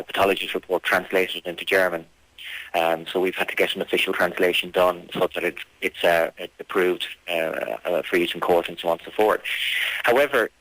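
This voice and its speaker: A man being interviewed on radio as a campaigner, speaking formally and insistently, with halting phrasing. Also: low-pitched, fairly bright tone, poor audio.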